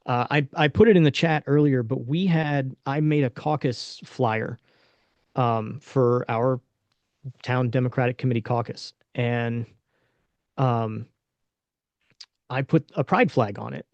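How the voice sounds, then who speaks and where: A man's voice: mid-range voice, unhurried, long pauses, darkish tone, no echo. A man speaking as a panelist in a casual panel discussion, frank and conversational with lots of fillers, over a video call. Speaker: panelist and local political candidate. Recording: dull, lo-fi, dry webinar audio.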